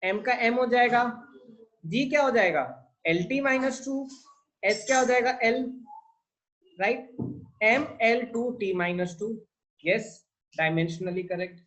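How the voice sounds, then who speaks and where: A man's voice: very high voice, slow, long pauses, a bit bright, poor audio. A man with an Indian English accent teaching a physics lesson, asking his class questions and answering them himself while mixing Hindi and English. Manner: mixes Hindi with English sentences. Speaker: physics tutor.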